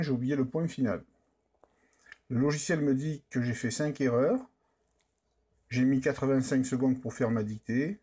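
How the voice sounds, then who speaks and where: A man narrating a step-by-step software demonstration in a plain, explanatory way. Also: mid-range voice, breathy edge. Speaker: software tutorial presenter.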